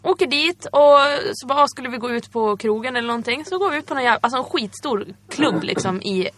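A woman's voice: fairly high pitch, expressive, a bit bright, no echo. A young woman co-hosting a podcast in casual chat, giving many short backchannels and swearing offhandedly. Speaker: podcast co-host.

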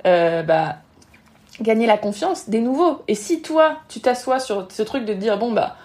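Here a woman guesting on a podcast shares blunt social media guidance as an Instagram marketing expert. Her voice sits a little high, expressive with a darkish tone. She's fast and emphatic, often performing other people's quoted thoughts.

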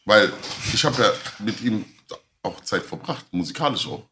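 A man's voice: on the low side, lively intonation, moderate pace, noisy background. A man talking as a podcast guest, heated and repeating himself, often calling the others brother. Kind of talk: casual podcast chat.

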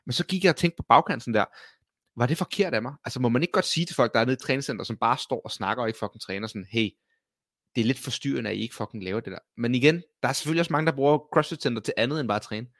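A man co-hosting a fitness podcast, telling gym stories in a casual, animated way and swearing freely. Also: medium pitch, dry recording, clean studio sound. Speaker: podcast co-host. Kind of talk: casual chat.

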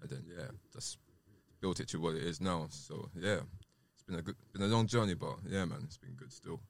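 A man with a deep voice and a South London roadman accent talks as a guest in a casual interview. His speech is informal and loosely rambling, full of street slang. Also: a little fast, gravelly. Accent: South London, urban roadman. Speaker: podcast guest, rapper and producer.

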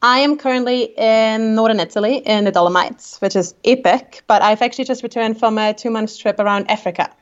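On dull audio, a fairly high voice hurries along briskly with few pauses. The speaker, an Austrian woman in her twenties with a New Zealand tinge to her accent, is a travel photographer guesting on a podcast, laughing often and restarting her sentences through the casual interview chat.

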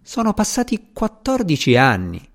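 A man's voice: mid-range voice, sing-song, moderate pace, natural voice. A man voicing a gracious, affectionate middle-aged duchess in an audiobook reading.

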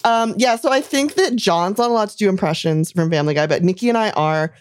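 A woman's voice: medium pitch, fairly quick. Bossy, teasing woman podcast co-host. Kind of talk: casual chat.

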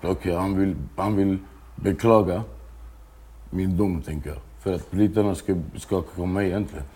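A man with a low, steady, warm, husky voice tells his story as a guest in a casual interview. He talks in street slang, swears often, and keeps stopping to restart his sentences.

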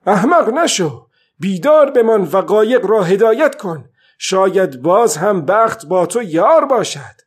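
A man's voice: mid-range voice, expressive, darkish tone, husky. A man voicing an exhausted, stubborn old fisherman alone at sea in an audiobook, talking to himself between weary murmurs and defiant outbursts. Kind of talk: audiobook reading.

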